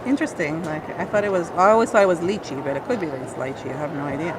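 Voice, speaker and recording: A woman's voice: sits low, rapid-fire. A woman chatting casually and asking tentative questions as a visitor at a demonstration. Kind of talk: casual chat. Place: busy convention booth. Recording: noisy trade show floor background.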